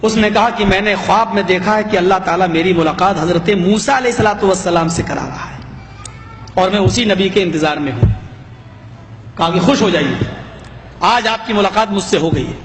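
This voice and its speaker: A man preaching a sermon, telling a story with dramatic rises in his voice. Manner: dramatic, rising pitch for quoted voices.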